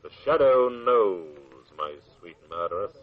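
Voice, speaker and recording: An actor playing a mysterious, menacing male avenger in an old Australian radio drama, with a husky, taunting, theatrical delivery. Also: on the low side, expressive, a little slow. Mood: silky menace. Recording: muffled lo-fi vintage radio recording.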